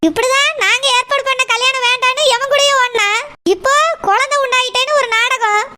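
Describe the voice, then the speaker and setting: A woman's voice: very high voice, fairly even intonation, fairly quick, sharp tone. A woman voicing an angry middle-aged mother in a cartoon, ranting and scolding harshly. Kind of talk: cartoon voice acting.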